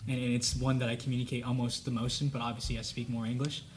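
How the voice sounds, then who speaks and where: A man's voice: medium pitch, level tone, fast talker, slight background noise. A young man whose first language is Spanish, speaking earnestly and reflectively in a casual student discussion, with many fillers. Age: young adult. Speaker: student panelist.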